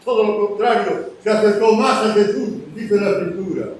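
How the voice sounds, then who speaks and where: A man preaches a sermon in a high voice, raising it for the story's cries and dropping it for quiet asides. He sounds set back from the mic in a strongly echoing room. Faint ambience sits behind him. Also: normal speed, slight background noise. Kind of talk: sermon retelling scripture. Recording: roomy echo from a distant mic with faint ambience.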